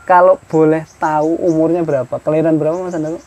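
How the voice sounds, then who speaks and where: Interviewing a farmer in an outdoor greenhouse on a hillside, a man in his thirties talks fast in a fairly high, level voice with a darkish tone. A podcast host and agricultural extension worker, he's chatty and friendly and full of leading questions.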